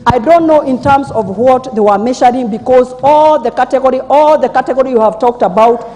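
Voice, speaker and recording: A woman's voice: sits high, brisk, warm tone. A woman with a Kenyan accent speaking as a member of parliament, protesting insistently and repeating herself. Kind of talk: parliamentary floor debate. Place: large parliamentary chamber. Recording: reverberant large hall.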